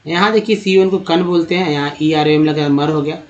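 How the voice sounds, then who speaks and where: A man teaching a spoken lesson over slides. He explains step by step, repeats words slowly and calls his viewers friends. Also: on the high side, lo-fi sound. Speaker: English teacher.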